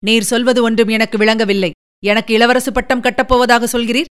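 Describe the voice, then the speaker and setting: Hero: a woman doing a brave young warrior prince, earnest and defiant, clear smooth tone. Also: fairly high pitch, little pitch movement, brisk, natural voice.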